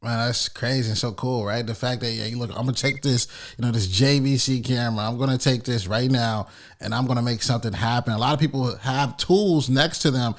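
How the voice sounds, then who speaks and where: Male podcast host, mid-pitched, casual hype delivery, encouraging. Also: brisk. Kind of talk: podcast interview.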